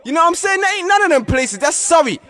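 A man's voice: extremely high pitch, sing-song, fast, bright, forceful tone. A man with a South London accent, trash-talking rivals in a profane, mocking diss skit. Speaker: rapper.

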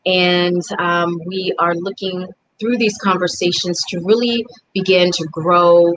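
A middle-aged woman hosting an online interview series, friendly and quick to laugh, on a video call. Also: fairly low pitch, fairly even intonation, a bit bright, poor audio. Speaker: host.

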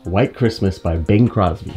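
A woman's voice: rumbling low, moderate pace, warm tone, faint music behind. A woman reading out trivia questions as quizmaster, matter-of-fact and lightly teasing.

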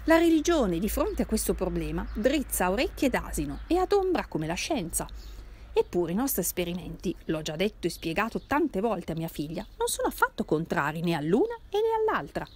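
A woman's voice: mid-range voice, sing-song, brisk, darkish tone. A woman reading aloud, voicing an older father who earnestly lectures about his spiritualist experiments. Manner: sighing, lecturing.

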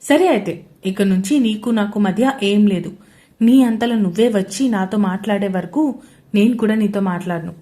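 A woman voicing an arrogant, teasing young husband in a loud, taunting way. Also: mid-range voice, moderate pace, natural voice. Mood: firm. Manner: louder, taunting delivery.

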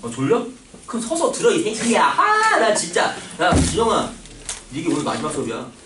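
A man's voice: sits high, wildly swooping pitch, fairly quick. A man teaching a math class in a loose, joking way, using coarse slang and constantly asking whether students agree. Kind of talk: casual classroom lecture with teasing. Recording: echoey classroom recorded from far off with noise.

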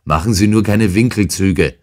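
A man voicing a huge, brutal older man in an audiobook, talking in a rude, shouting, insolent way. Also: low-pitched, normal speed, voice pushed up, lightly acted. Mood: insolent, angry. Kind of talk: audiobook character reading.

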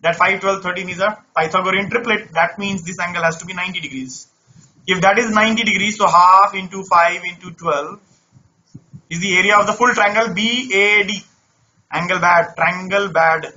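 Bright-voiced man teaching online. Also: sits high, fairly even intonation, normal speed, dull audio. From India. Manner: conversational, repeats words and phrases. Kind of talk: interactive online lesson. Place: online class over screen share.

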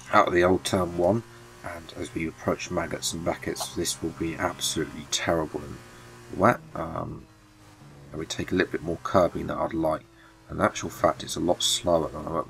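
A man hosts a racing-game video, talking casually over gameplay while sniffly from hay fever. He rambles, corrects himself often and apologizes. His deep voice has vocal fry and is a bit bright, with slight background noise.

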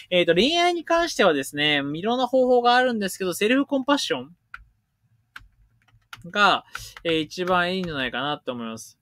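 Male stream host, fast-talking, blunt and jokey, bouncy pitch, dry close mic. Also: dry recording. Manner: rapid-fire, animated, blunt and joking. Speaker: livestream host answering viewer questions. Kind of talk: casual livestream Q&A, reading and answering chat questions.

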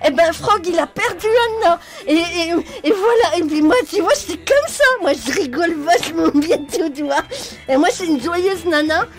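Very high, lisping tipsy biker woman acted by a woman. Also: normal speed, hardly any pauses. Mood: cheerful, boastful. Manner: lisps, saying sh-like sounds for s. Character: tipsy, giggly, joyful female biker boxer. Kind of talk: improvised online game role-play.

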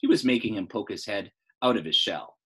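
A middle-aged American man gives an expressive, teacher-style reading of a story, sprinkling in informal explanatory asides. He talks briskly in a fairly low, husky voice that is animated and a bit bright.

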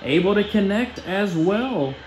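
A man's voice: high-pitched, lively intonation, unhurried, darkish tone, echoey room, slight background noise, low-quality recording. A young man giving casual play-by-play commentary over a basketball video game simulation in short clipped phrases.

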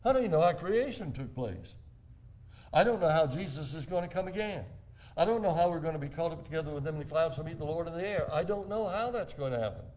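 Older pastor preaching slowly and deliberately. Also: male voice, a little high, animated, darkish tone. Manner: measured, deliberate preaching with slow emphatic phrases. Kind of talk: sermon. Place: church.

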